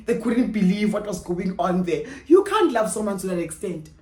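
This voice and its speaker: A young South African woman with a South African accent, telling an animated storytime and mixing English with Zulu. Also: medium pitch, moderate pace, roomy sound. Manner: expressive, mixes English with Zulu, swings between loud and hushed. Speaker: YouTuber.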